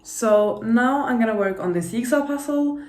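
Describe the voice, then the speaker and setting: A woman's voice: on the high side, moderate pace. Woman chatting casually in a rambling vlog. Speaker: reading vlogger.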